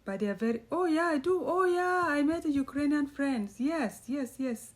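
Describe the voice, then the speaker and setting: A woman's voice: high voice, expressive, moderate pace. A woman from East Africa, a writer talking casually to her channel viewers, rambling and correcting herself as she goes. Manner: rambling, self-correcting, chatty. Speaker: YouTuber and writer. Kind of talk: casual vlog chat.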